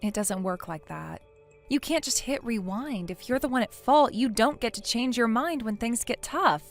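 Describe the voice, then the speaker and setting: A woman's voice: a little high, animated, normal speed, soft background music. A synthetic woman voicing a blunt, scolding friend. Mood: indignant. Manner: stern, lecturing.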